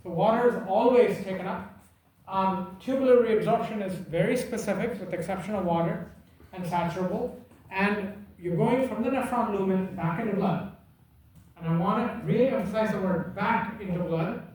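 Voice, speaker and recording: A man's voice: high voice, moderate pace, darkish tone. A man lecturing a class in an emphatic, teasing way, repeating key points and checking that students follow. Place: lecture room. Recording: echoey room from far off.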